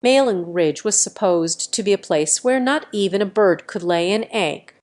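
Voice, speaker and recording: A woman reading the lines of a sly, scolding old male country healer in an audio story, with a gruff, teasing manner. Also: medium pitch, lively intonation, moderate pace, a little mellow, lightly acted.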